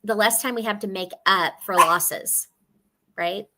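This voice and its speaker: A woman's voice: medium pitch, unhurried, background noise. A woman in her forties, a financial specialist speaking earnestly in a casual interview over a video call from home. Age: 40s. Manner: earnest, laughs easily, warm chatty explanations. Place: home, dog barking nearby.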